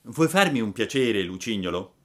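A man's voice: fairly low pitch, animated, normal speed, close to an everyday voice. A man voicing a mischievous wooden puppet boy, eager and bargaining. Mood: scheming.

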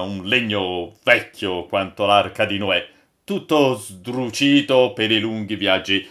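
A man voicing a gruff old ship's boatswain who spins yarns, booming and mock-stern, in an audiobook. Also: fairly bright tone. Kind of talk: audiobook character voice.

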